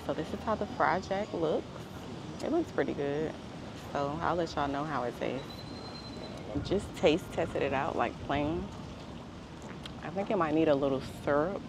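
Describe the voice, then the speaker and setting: A woman's voice: sits low, normal speed, creaky, pauses often, background noise. A young woman talking casually to viewers as a travel vlogger. She talks straight to her audience and fills her speech with "like" and "literally". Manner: chatty, addresses viewers directly, many "like"s and "literally"s. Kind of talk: casual vlog talk to camera.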